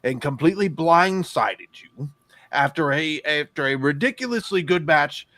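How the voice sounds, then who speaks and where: A man playing a formal, theatrical horror host on a wrestling panel show, pompous and halting in delivery. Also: fairly high pitch, lively intonation, sharp tone, dry recording. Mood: formal, measured.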